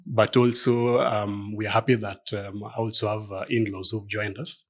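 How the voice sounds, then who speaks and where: A middle-aged man from Kenya speaks in a somewhat low, husky voice. He answers interview questions thoughtfully, pausing often with fillers and small hesitations. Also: flat delivery, a bit bright. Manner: thoughtful, hesitant with many fillers, light laughs. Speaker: law firm partner, guest. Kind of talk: conversational interview.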